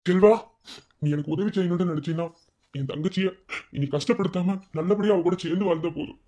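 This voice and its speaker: A man's voice: sits high, brisk, warm tone, lightly acted. A man voicing a proud, stubborn village man in a cartoon, with a Madurai accent, speaking firmly. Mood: resolute. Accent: Madurai Tamil. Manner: firm, proud.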